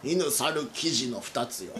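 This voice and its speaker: A man co-commenting on a video game in loud, stylized comic archaic retainer speech with theatrical, drawn-out exclamations. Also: mid-range voice, expressive, over a noisy crowd. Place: indoor room, on camera. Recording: roomy echo, loud game music behind.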